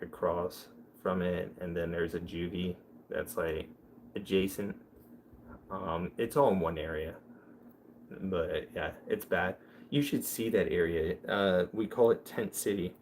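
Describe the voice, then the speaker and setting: A man's voice: low voice, a little mellow, slight background noise. A young man chatting casually on a livestream, telling rambling, joking stories. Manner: rambling storyteller, loose and joking. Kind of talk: casual live chat.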